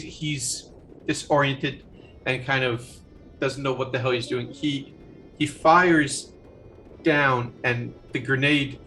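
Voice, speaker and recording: A man's voice: medium pitch, a bit bright, distant mic. Casting note: male game master, loose chatty delivery, a bit off-mic with faint music behind. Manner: casual, rambling narration with fillers. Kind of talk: narrating a tabletop game.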